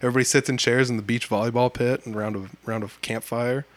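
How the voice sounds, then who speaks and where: A man hosting a casual chat in a studio, telling lively stories and acting out quotes. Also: mid-range voice, fast. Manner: animated storyteller, acts out quotes. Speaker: podcast host.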